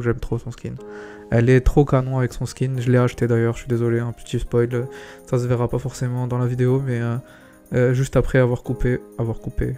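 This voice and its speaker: A man's voice: medium pitch, mellow. A man streaming a video game, rambling and self-mocking as he reads the dialogue aloud. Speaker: gaming streamer. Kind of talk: game commentary.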